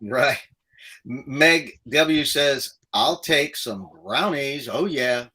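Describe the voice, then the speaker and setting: Man, live stream host, bright forceful voice, medium pitch, casual chatter. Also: lively intonation, slow pace, husky. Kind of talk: casual live chat, reading out viewer comments.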